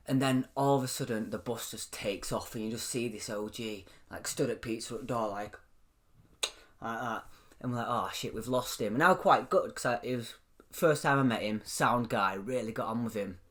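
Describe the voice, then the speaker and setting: A young man tells stories on a casual chat show. He is lively and animated, breaks into laughter often and swears without a second thought. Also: mid-range voice, normal speed. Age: 20s. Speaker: podcast co-host.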